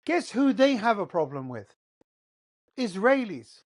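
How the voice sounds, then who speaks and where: His voice sits high and sounds very animated, though his pace is a little slow. He's an English-accented man, born in Qatar and brought up in England, hosting his own podcast as a monologue, speaking forcefully and peppering it with rhetorical questions.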